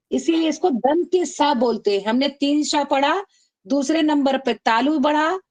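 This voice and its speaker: A woman teaching an online class, affectionately calling her students "beta" and chanting rules slowly for them to repeat. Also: high voice. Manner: calls students "beta", drills them call-and-response. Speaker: Sanskrit teacher.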